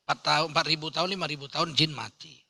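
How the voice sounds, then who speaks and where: A man's voice: fairly high pitch, rapid-fire, gravelly. A man preaching a sermon, telling stories humor and acting out the voices in them. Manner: animated storytelling, jokes, acts out quoted voices.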